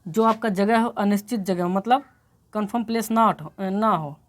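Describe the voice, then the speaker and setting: Woman, English teacher, slight cold, step-by-step grammar lesson, repeats points, checks understanding, mid pitch. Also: normal speed. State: coming down with a cold.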